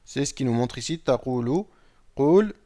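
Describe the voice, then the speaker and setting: A man teaching an Arabic grammar lesson in a slow, patient way. He explains step by step, reads Arabic sentences aloud, translates them and often checks in with "d'accord?". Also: mid-range voice, expressive, mellow.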